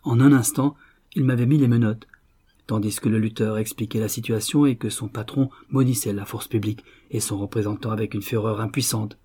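A man narrating an audiobook in a steady, measured storytelling manner. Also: fairly low pitch, breathy edge.

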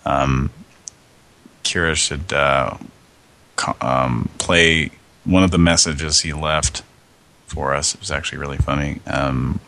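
A man hosting a casual radio show, hoarse with a scratchy throat, rambling and meandering as he talks. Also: a bass voice, fairly even intonation, slow, long pauses, sharp tone. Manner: rambling, meandering, chuckling often.

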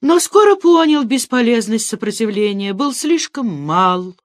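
A woman narrating a literary story in an expressive, dramatic reading. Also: fairly high pitch, measured pace, no echo, studio quality. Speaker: audiobook reader.

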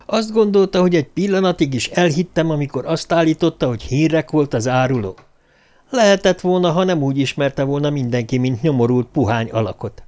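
A man's voice: fairly high pitch, a little mellow, voice pushed up, lightly acted. A male audiobook reader voicing a defiant young man who accuses his enemy in a raised, heated voice. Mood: heated accusing.

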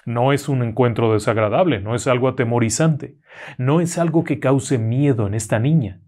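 A man narrating a horror story, slow and hushed in calm parts and rising sharply in pitch at frightening moments.

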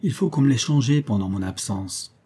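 Man putting on a young adventurer, husky, warm, raised and higher voice, quick-tempered. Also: lively intonation. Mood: puzzled, wry. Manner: raises voice to shout challenges. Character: young Frenchman, bold explorer, quick-tempered.

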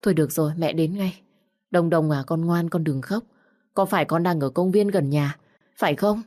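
A woman's voice: low voice, normal speed, darkish tone, close to an everyday voice. A woman reading the lines of a young mother who rebuffs a suitor firmly and fusses anxiously over her son. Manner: firm, then anxious toward her child. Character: young mother, firm and protective.

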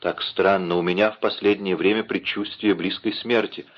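A man's voice: low-pitched, fairly even intonation, moderate pace, lo-fi sound. A man playing a passionate, devoted young nobleman in an audiobook, speaking ardently. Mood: tender. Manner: ardent, impassioned.

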